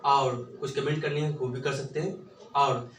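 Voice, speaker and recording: A man's voice: mid-range voice, steady tone, normal speed, echoey room, distant mic, a little hiss or hum, poor audio. A male teacher giving a lesson who asks questions and repeats the answers, spelling words out letter by letter. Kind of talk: classroom lecture in Hindi with English terms.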